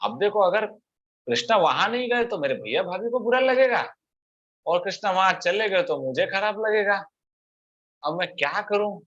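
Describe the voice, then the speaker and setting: A man's voice: high-pitched, lively intonation, normal speed, a bit bright, pitched above the performer's own voice. A man voicing a devoted older queen mother who speaks in an earnest, pleading way. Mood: worried. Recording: dull lo-fi recording.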